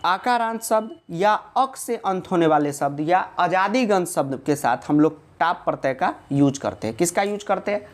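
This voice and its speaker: A man's voice: high voice, animated, normal speed, hardly any pauses. A male teacher gives a casual online video lesson. He keeps posing questions and answering them himself, and breaks in with jokes and reassurance for students. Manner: chatty and joking, reassuring students.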